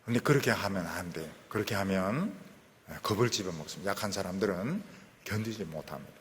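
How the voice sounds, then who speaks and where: A middle-aged male pastor preaching a sermon, swinging between loud emphatic bursts and quiet trailing endings. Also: deep voice, animated, fast, big-room sound.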